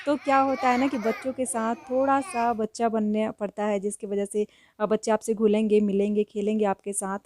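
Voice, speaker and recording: A woman chatting through a casual vlog in a village home, narrating with gentle laughs. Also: medium pitch, level tone, moderate pace, background noise. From India. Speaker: vlogger.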